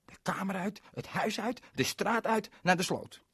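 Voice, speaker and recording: Husky playful man telling a children's story. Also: high-pitched, normal speed, a bit bright, no echo, studio quality. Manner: playful, addresses young listeners directly.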